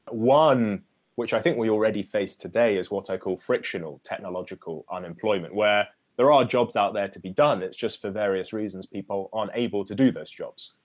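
A man, an author being interviewed, explaining his ideas in a measured way with frequent restarts. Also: deep voice, darkish tone. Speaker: author guest.

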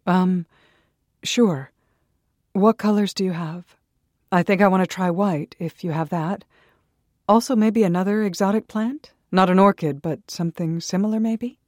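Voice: unhurried, dry recording, clean studio sound, natural voice. Narrator playing a frantic, pleading flower-eater. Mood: eager. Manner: loud, high-strung pleading. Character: desperate craving flower-eater, nervous.

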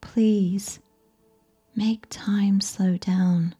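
A woman reads a sleep story softly, as if right in your ear. Her voice is very dark and mellow, breathy and half-whispered. She takes her time with every phrase, keeping it gentle and soothing. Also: medium pitch, steady tone, extremely slow, faint music behind. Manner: whispery, close in the listener's ear. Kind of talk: soft ASMR scripted bedtime narration.

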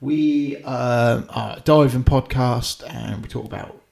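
A man's voice: medium pitch, a little slow, creaky, darkish tone. A man with a Norfolk accent co-hosting a diving podcast, rambling casually with plenty of ums and uhs. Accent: Norfolk English. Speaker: podcast co-host. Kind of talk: casual chat.

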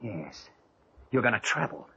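An actor playing a cold, gloating male strangler in a 1940s radio drama, sneering and taunting slowly. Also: lowish voice, very animated, gravelly, sharp tone, husky, heavily acted. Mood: menacing. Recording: dull old radio broadcast.

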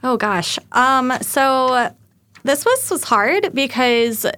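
A woman's voice: sits high, sing-song, takes it slowly, sharp tone, clean tone. Hesitant woman chatting casually as a guest. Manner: hesitant, searching for words. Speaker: podcast guest. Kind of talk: casual chat.

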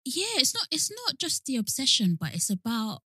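A woman's voice: high voice, wildly swooping pitch, normal speed, breathy edge, no room sound, studio quality. A woman with a London British accent who pronounces her r's as w's, co-hosting a casual, opinionated podcast chat. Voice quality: says w for r, soft r sounds. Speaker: podcast co-host.

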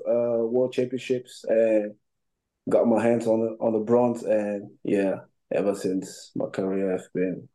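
A man's voice: lowish voice, warm tone, low-quality recording. A young man from Cameroon, an amateur boxer, answering interview questions with many fillers and restarts.

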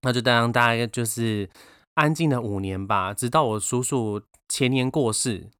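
A man with a Taiwanese Mandarin accent, co-hosting a casual podcast chat and telling a family story with animated bursts of laughter. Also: medium pitch, normal speed, clear, resonant tone, no echo, studio quality. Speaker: podcast co-host.

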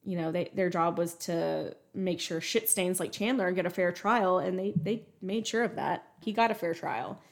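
A young woman with a somewhat low voice talks through a case in relaxed podcast chat. She fills her sentences with "like" and "um". She has an easy, unhurried conversational manner. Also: vocal fry. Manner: chatty, lots of "like" and "um" fillers. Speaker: podcast co-host. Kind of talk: casual true crime chat.

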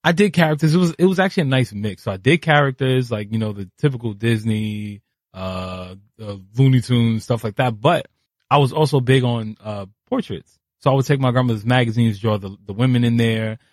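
New guy, rapid lively storytelling, kinda low voice, dry close sound. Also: dry recording. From New York City. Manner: animated, acts out quoted voices. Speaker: guest artist. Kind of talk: casual interview storytelling. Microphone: podcast studio mic.

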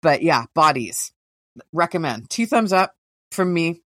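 A woman co-hosting a podcast, chatting casually about TV shows in a relaxed way, now and then swearing. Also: sits low, unhurried, dry recording, studio quality. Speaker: podcast co-host.

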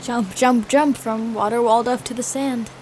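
A young girl adventurer played by a woman in an audio drama. She is dry and teasing, understated, with a slightly high voice. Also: steady tone, measured pace, background noise, close to an everyday voice. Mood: reflective.

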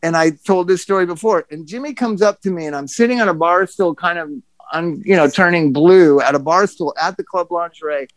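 A middle-aged man co-hosting a casual chat, telling rambling, animated stories with restarts and swearing. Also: high voice, brisk, no room sound. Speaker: podcast co-host.

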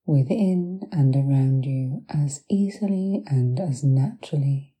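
Very slow, low, soft hypnotherapist woman. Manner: soothing, deliberate, long pauses between short phrases. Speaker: hypnotherapist guiding relaxation. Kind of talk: guided hypnosis meditation, soft and partly whispered.

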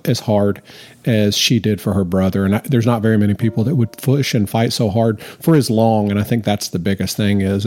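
A man speaking unscripted as a podcast interviewee, halting and repeating words for emphasis. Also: fairly low pitch, darkish tone.

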